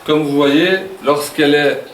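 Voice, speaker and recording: A man's voice: a little high, level tone, measured pace, fairly bright tone, slight background noise. A man from Wallonia with a Walloon Belgian French accent, teaching Arabic letters to a class in a patient, joking way and checking in with "ok?". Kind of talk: classroom lesson. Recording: echoey classroom from far off.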